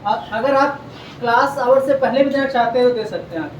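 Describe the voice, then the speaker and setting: A man gives a classroom lecture, repeating key facts and firing questions at his students. His voice sits high, and the room rings around it. He is heard from a distance, with faint background noise. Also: brisk. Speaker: coaching teacher. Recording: echoey classroom, heard from afar.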